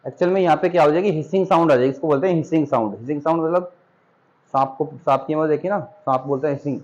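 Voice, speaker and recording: A man's voice: fairly high pitch, rapid-fire, darkish tone, muffled recording. A man teaching English grammar to students in a classroom, patient and explaining step by step. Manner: patient, addresses students as beta.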